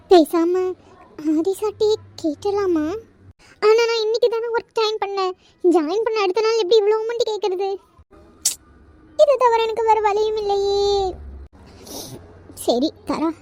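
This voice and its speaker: A woman's voice: extremely high pitch, dark tone. A woman voicing an anxious young woman in a cartoon who comforts her family in a tearful, pleading way. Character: anxious young woman, caring older sister.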